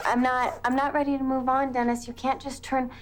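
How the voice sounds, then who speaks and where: A woman's voice: sits high, flat delivery, a little fast, lightly acted. An actress playing a kindly young woman in a film, talking in a conversational, tactful way. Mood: uneasy, gentle. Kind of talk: naturalistic film acting.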